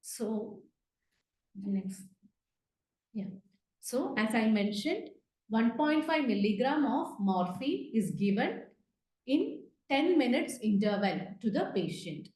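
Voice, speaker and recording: Taking it slowly, a woman delivers an interactive medical lecture over video call, posing questions to her learners. Her voice is a little high and somewhat mellow, with big pitch swings, and the indoor virtual-class audio is echoey and roomy.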